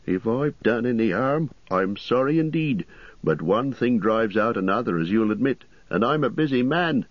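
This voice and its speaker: A man voicing a fussy, apologetic middle-aged innkeeper who chatters and rambles, with a husky voice. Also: medium pitch, animated, normal speed, no room sound, highs cut off, pitched above the performer's own voice, close to an everyday voice. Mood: fussy, rambling.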